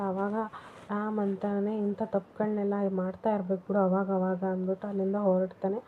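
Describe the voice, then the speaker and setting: Woman retelling a serial, tinny sound. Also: medium pitch. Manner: retells scenes, voicing each character's lines in quotes. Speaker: serial episode recapper. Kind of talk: casual retelling of a TV serial episode. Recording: tinny phone-like audio, faint noise.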